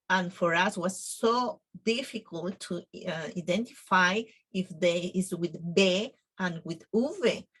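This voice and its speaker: A middle-aged woman from Latin America teaches Spanish in unhurried, careful English with a Latin American Spanish accent. She mixes English and Spanish and checks in with listeners often. Her voice sits at an ordinary middle pitch. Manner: slow and careful, with frequent ums and "okay?" check-ins; switches between English and Spanish, laughing often. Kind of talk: casual video lesson. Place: home filming.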